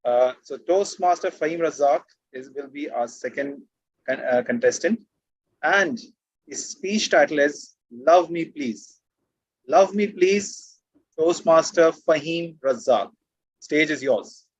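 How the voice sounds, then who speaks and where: Male event host, formal and courteous announcing, fairly high voice, dry, slightly muffled call sound. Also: slow pace, no echo. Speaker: contest host. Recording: slightly dull, lo-fi online call audio.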